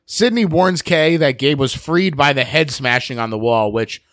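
A man hosting a podcast, briskly summarizing a film plot with jokes in casual chat. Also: medium pitch, fairly bright tone, no room sound, studio quality. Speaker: podcast host.

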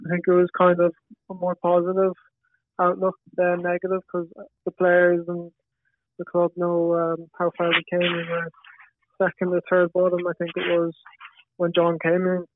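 A man's voice: sits high, completely flat delivery, normal speed, no echo. A young man with a west of Ireland accent giving hesitant, understated answers as a footballer in a casual interview. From Galway, west of Ireland. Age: young adult. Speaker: footballer, podcast guest. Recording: tinny band-limited radio-like line.

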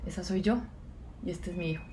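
A woman, co-hosting a podcast in a measured, reflective way. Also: lowish voice, fairly even intonation, warm tone, slight background noise. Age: 40s. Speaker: podcast co-host. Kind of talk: casual podcast intro.

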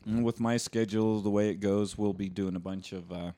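A man's voice: on the low side, steady tone, a little fast, mellow. A man being interviewed as a guest on a casual podcast about the race he runs, rambling and hesitant, with many fillers. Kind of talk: casual chat.

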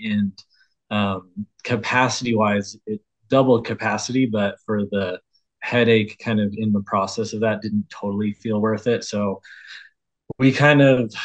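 A man who roasts coffee talking as a podcast guest, easygoing and rambling. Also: lowish voice. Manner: rambling and easygoing, many fillers. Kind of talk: casual interview talk.

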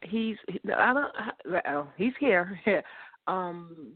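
A woman from New York City calling in to a radio show over the phone, hesitant and halting with fillers. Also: fairly low pitch, expressive, a crowd in the background. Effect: caller's voice over a phone line. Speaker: caller to a psychic radio show. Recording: dry, tinny telephone line.

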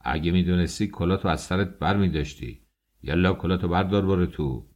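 Guy doing a gruff mustached doorman, deep and bossy, storybook reading. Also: darkish tone. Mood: scolding. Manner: barking, scolding. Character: gruff mustached male doorman at a government office.

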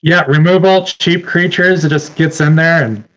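A man's voice: fairly high pitch, steady tone, moderate pace, fairly bright tone, highs cut off. A man in casual chat, easygoing and a bit hesitant.

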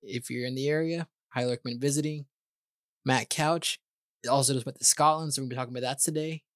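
A man's voice: mid-range voice, steady tone, quick pace, no echo, clean studio sound. A man hosting a podcast, asking questions in an upbeat, enthusiastic way. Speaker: podcast host. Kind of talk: casual interview hosting.

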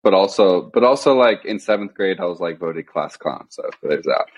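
A young man from the Midwest talks on a podcast in a very deep, low register. He keeps a flat, deadpan monotone and strings his thoughts together with steady "like" and "um" fillers. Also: normal speed, dull audio. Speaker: podcast guest. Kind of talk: casual podcast chat.

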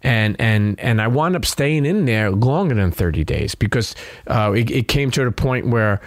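A man's voice: medium pitch, animated, moderate pace, no room sound, clean studio sound. A middle-aged man with a Brooklyn New York accent, telling stories candidly as an interview guest in a streetwise, profane way peppered with "you know.". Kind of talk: candid conversational storytelling.

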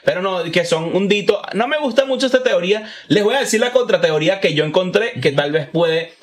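A man co-hosting a casual podcast chat, rambling and hesitant, repeating words while he thinks out loud. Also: high-pitched, animated, fairly quick. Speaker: podcast co-host.

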